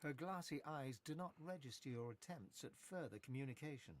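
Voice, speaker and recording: A man's voice: mid-range voice, lively intonation, brisk, natural voice. Fantasy game storyteller, read by a man: solemn male narration, medium register, slight background noise. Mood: measured, descriptive. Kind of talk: scripted literary narration.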